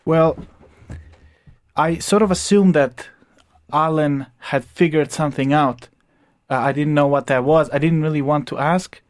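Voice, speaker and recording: A man's voice: on the high side, fairly even intonation, a little slow. A young man from Croatia with a Croatian accent, a guest on a radio interview, telling his story steadily with some fillers. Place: radio studio.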